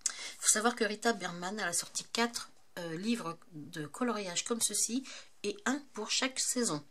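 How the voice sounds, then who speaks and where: A woman in a casual show-and-tell vlog about her craft supplies, chatty and hesitant, often pausing with fillers. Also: medium pitch, fairly bright tone. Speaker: craft vlogger.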